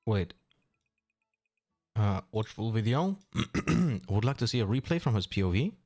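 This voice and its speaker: Man, streamer, casual live chat, low voice, relaxed mumbling, faint music behind. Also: unhurried.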